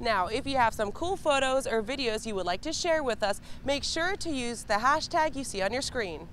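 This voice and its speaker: A woman's voice: a little high, animated, moderate pace, a bit bright, a little hiss or hum. A woman presenting a scripted news show as its host, speaking outdoors.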